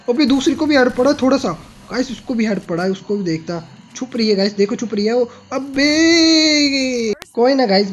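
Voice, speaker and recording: A young man commentating his own shooter gameplay, excitable and teasing, shouting at sudden kills and muttering smugly in between. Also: sits high, a little hiss or hum. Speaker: gaming YouTuber.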